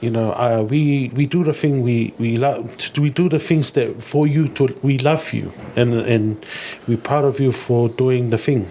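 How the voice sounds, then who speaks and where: A man putting on his late father's voice: an older, hardworking dad speaking gently and earnestly to his son. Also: medium pitch, a little slow, hardly any pauses, slight background noise, natural voice.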